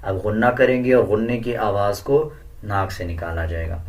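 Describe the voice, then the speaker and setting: With a voice on the low side, this man gives calm explanations of Quran recitation rules. He then chants the verses in a slow, melodious way, far louder than his talking.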